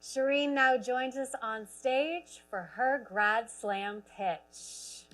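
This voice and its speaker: A woman's voice: on the high side, extremely slow, fairly bright tone, soft background music, low-quality recording. A woman hosting an event, interviewing finalists in an encouraging, affirming way. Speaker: host.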